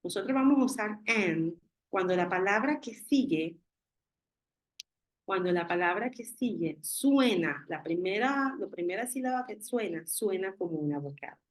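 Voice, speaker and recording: Husky woman teaching over a video call. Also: medium pitch, animated, low-quality recording. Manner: switches between Spanish and English, explains slowly with examples. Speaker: English teacher. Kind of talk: online class explanation.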